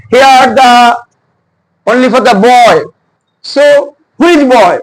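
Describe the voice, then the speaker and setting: Man, very high voice, grammar lesson, halting and repetitive delivery. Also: low-quality recording. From India. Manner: halting, repetitive phrasing with self-corrections. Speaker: English teacher. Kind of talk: spoken English lesson.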